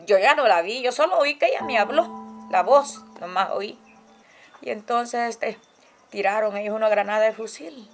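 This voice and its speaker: Older woman, halting testimony, checks in often, faint music. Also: a little high. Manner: halting, tagging lines with "¿verdad?". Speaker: survivor giving testimony. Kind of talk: spoken testimony in a documentary.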